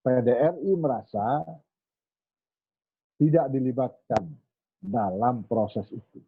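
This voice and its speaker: Husky man telling history, tinny sound. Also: medium pitch, slow, no echo. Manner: relaxed anecdotal telling, acts out quoted remarks. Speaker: speaker on history. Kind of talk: storytelling history talk. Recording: tinny phone-like recording.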